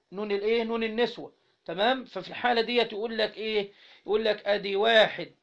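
High-voiced Egyptian grammar teacher. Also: male voice, fairly bright tone. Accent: Egyptian Arabic. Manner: drills students with repeated questions, spells out syllables slowly. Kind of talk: classroom grammar lesson. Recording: dull lo-fi recording.

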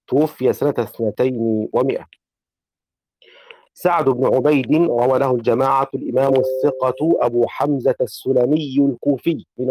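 A man reads a classical text aloud in a steady, measured way. His voice is dark and mellow. The sound is dry and close, with no room echo. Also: mid-range voice. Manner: measured recitation, asks polite questions. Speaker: student reading the text aloud. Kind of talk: reading a classical text in a lesson.

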